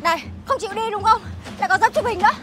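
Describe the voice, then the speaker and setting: A woman's voice: extremely high pitch, very fast. An actress playing a rude, bullying noodle shop owner who insults her customers in a web sitcom. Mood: angry. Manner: scornful, insulting, bossy. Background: background music.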